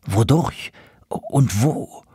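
A man voicing an anxious male crow, speaking softly and hesitantly. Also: medium pitch, expressive, drawn-out words, husky, dry recording, studio quality, full character voice. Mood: uneasy. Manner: soft, uneasy, hesitant.

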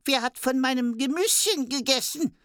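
A storyteller voicing seven small male dwarfs in high, chattering voices, switching between them. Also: normal speed, fairly bright tone, no echo, clean studio sound. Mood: curious.

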